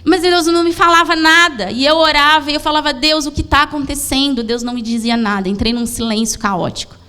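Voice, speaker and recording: A Brazilian woman pastor giving an emotional sermon testimony, often pausing and restarting as she tells her story. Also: high voice, pushed and bright. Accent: Brazilian Portuguese. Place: church.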